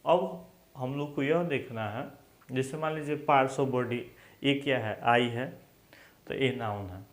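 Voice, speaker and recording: Slow indian-guy teaching grammar, makes the class repeat words, roomy echo. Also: mid-range voice. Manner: drills pronunciation, asks students to repeat after him. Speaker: English teacher.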